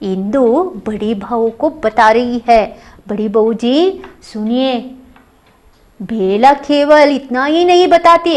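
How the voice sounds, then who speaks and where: A woman teacher talks her students slowly through a play. Her voice sits high, and her pitch rises further when she reads a character's lines. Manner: reads dialogue aloud with raised pitch.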